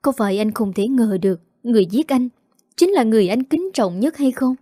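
A woman's voice: fairly high pitch, lively intonation, a little fast, dark tone, no room sound, studio quality. A woman reading the lines of a grieving young widow in a drama recap, tearful and questioning. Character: grieving young widow at her husband's grave.

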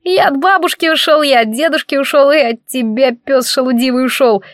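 A woman voicing a tiny cheeky male dough-ball familiar in an audiobook, squeaky and taunting. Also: a little fast, no room sound, clean studio sound, close to an everyday voice. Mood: gleeful taunting.

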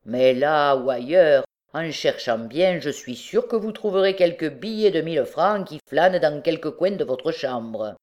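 A sly, menacing male convict, as a woman reader puts him on for a storybook reading. He threatens his victim with mocking, falsely courteous words and a low, steady voice. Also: measured pace, few pauses, dull audio.

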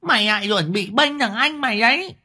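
A man voicing a loud, hysterical middle-aged mother who scolds and wails at a shriek. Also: expressive, brisk, husky, exaggerated voice. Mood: shrieking scolding. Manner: wailing, scolding at a high shriek.

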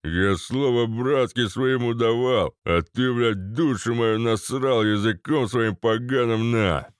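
A hulking, dim-witted ex-paratrooper thug snarls and drags out every foul-mouthed threat, put on by a man reading the story. The delivery is slow, heavy and menacing. The sound is dry and close, with no room around it. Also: mid-range voice, smooth, dry recording, natural voice. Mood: snarling. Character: brutal thick-headed male ex-paratrooper thug.

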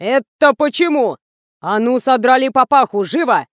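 An explosive, bossy male film director yells orders and insults at his crew, as a woman narrator puts him on. He talks loud and punchy, in a dry, close reading. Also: high voice, expressive, moderate pace, no room sound, lo-fi sound. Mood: bossy shouting.

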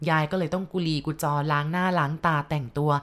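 A woman's voice: sits low, steady tone, fast. A woman telling a ghost story in a casual, chatty way, adding asides to her listeners.

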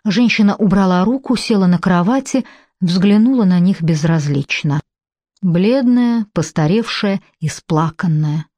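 A woman narrating an audiobook in a measured, unhurried way. Her voice sits low and sounds warm and mellow. The recording is close and dry, with no room sound. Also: no room sound. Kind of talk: scripted narration.

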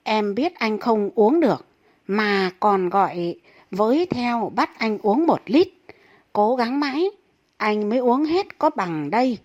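A woman's voice: on the high side, expressive, takes it slowly, darkish tone, lo-fi sound. A woman voicing a drunk young husband who argues back with slurred, whiny excuses in a comic story.

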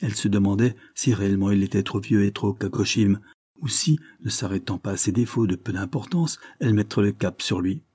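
Husky low-voiced male narrator. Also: brisk, mellow, no echo. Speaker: audiobook narrator. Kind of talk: scripted narration.

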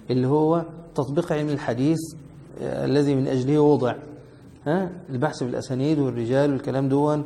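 A quick-speaking man with an Egyptian accent explains a classical text to a student, repeating lines and glossing them in everyday speech. His voice is dark and mellow. The recording is a reverberant hall with a faint hum behind it. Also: medium pitch, creaky. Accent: Egyptian Arabic. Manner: repeats the reading, then explains in colloquial speech. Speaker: teacher of hadith sciences. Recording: echoey hall with faint background noise.

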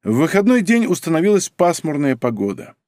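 Expressive man reading an audiobook. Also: on the high side, fairly quick, no echo, clean studio sound. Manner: expressive, character-acting reader. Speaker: audiobook narrator. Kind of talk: scripted audiobook narration.

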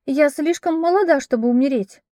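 A woman reading an audiobook, voicing a cheeky young maid in a high, excited pleading voice. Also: normal speed, no room sound, studio quality. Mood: pert.

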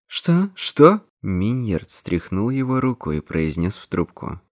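Male narrator, very deep voice, audiobook reading, even measured delivery, dry close recording. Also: no room sound. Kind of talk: scripted narration.

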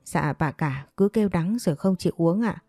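Lady reading a loyal old nanny, soft soothing talk, warm low voice, dry sound. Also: expressive, moderate pace, no echo, soft background music. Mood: tender. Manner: soothing, gentle.

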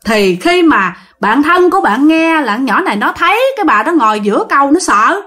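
A woman casually telling a ghost story, animated and speaking directly to her listeners. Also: high-pitched, brisk.

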